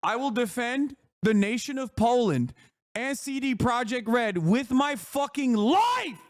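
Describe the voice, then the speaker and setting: A man's voice: extremely high pitch, very animated, unhurried, no room sound, studio quality. A man streaming casual reaction commentary, emphatic and profane, often laughing as he talks.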